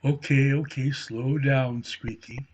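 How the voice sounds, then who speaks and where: A calm, friendly turtle speaks in a slow, deep voice, as a man puts him on while reading a bedtime story. His delivery is unhurried and gentle. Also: highs cut off, background noise, lightly acted.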